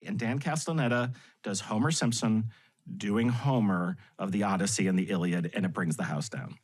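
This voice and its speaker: A man guesting on a podcast, telling anecdotes in an animated way and laughing often. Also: fairly low pitch, moderate pace. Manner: animated storyteller with frequent laughs. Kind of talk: anecdotal storytelling in conversation.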